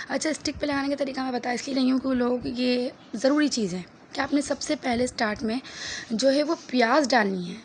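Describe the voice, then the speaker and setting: Female cooking host, slightly high pitch, a bit of a sore throat, patient step-by-step instruction with frequent "okay" check-ins. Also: a little hiss or hum. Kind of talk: cooking tutorial narration.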